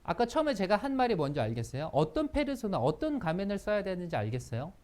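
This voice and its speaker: A lively instructor leads a workplace etiquette lesson for students, with pitch that swings widely from line to line. The delivery keeps breaking into little acted-out example phrases before returning to explanation. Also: fast talker. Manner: lively, acts out example lines in quotes. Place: school training session.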